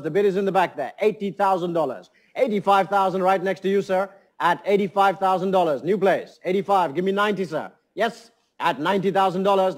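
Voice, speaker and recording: A man working as a fine art auctioneer, calling bids and repeating prices in a polished, courteous patter to a saleroom. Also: high-pitched. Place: saleroom with seated bidders and phone lines.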